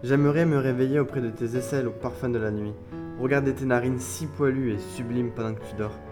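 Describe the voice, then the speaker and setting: A man's voice: mid-range voice, steady tone, fast talker, over music, lightly acted. A man playing a crooning lovesick suitor. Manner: crooning, over-the-top romantic.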